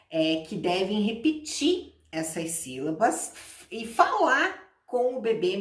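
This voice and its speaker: A woman who teaches English, giving parenting advice in an explanatory vlog and talking straight to mothers and fathers. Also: medium pitch. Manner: explanatory, addresses parents directly. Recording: roomy echo, voice from a distance.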